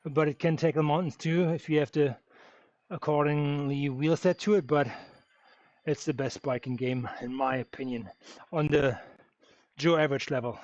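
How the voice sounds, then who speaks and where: A man's voice: a little high, fairly even intonation, normal speed, a little mellow, dry recording. A man from Germany, chatting casually on a live stream while riding and answering viewers' questions with many fillers. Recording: dull lo-fi stream audio.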